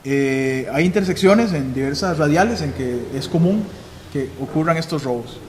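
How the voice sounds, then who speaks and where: A man's voice: fairly high pitch, animated, moderate pace. Male Costa Rican police chief, instructive seminar speaker, roomy hall with faint background noise. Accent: Costa Rican Spanish. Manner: instructive, asks and answers his own questions. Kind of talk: live seminar lecture.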